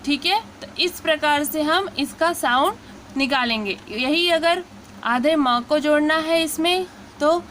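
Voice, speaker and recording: A woman teaching Hindi pronunciation, talking her students patiently through drawn-out syllable drills. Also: sits high, a bit bright, a little hiss or hum. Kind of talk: slow spoken lesson.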